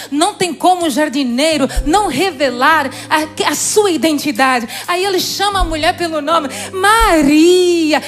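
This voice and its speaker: A woman preaching a sermon in a church service, emphatic, telling the congregation to repeat phrases to each other. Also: high-pitched.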